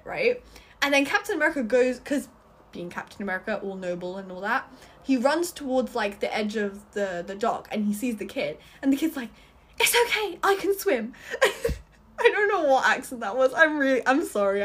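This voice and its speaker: A young woman giving a casual, rambling film review, full of fillers and restarts, with a slightly husky voice. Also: a little high.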